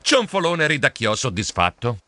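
Guy reading a kids story, super animated pitch, bright voice, does the sound effects. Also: dry recording. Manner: theatrical, swooping pitch, drawn-out words, sound effects. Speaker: storybook reader. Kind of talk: expressive children's story narration.

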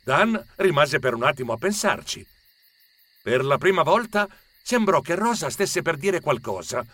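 A man narrating a children's story with expressive storytelling. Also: on the high side, a little slow.

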